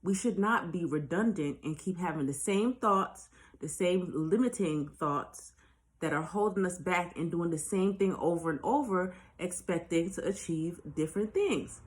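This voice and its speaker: A woman's voice: lowish voice, moderate pace. A woman speaking as a spiritual life coach in a casual motivational monologue, blunt and profane, pressing her points with repeated rhetorical questions. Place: at home, recording on her own.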